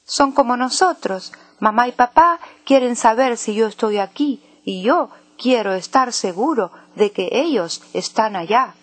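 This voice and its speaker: A woman reading a children's story aloud with a slow, clear and expressive delivery. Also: a little high, no room sound. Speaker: narrator.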